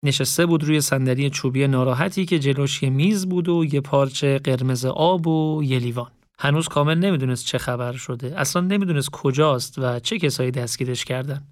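A man reading a story aloud in a calm, reflective, casual spoken style. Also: mid-range voice, hardly any pauses, dry recording, studio quality. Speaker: narrator. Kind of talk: audiobook story narration with reflective asides.

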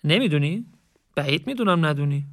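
A man's voice: a little high, lively intonation, no echo, studio quality. A man voicing a stern male security interrogator with a curt, serious manner in an audiobook. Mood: probing.

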